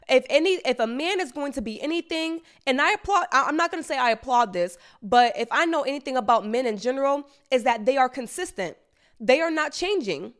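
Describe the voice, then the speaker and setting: A woman with a slightly high voice delivers an opinionated monologue. She is emphatic, repeats lines to drive them home, and uses casual slang. She is speaking with a retainer in. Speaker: commentator.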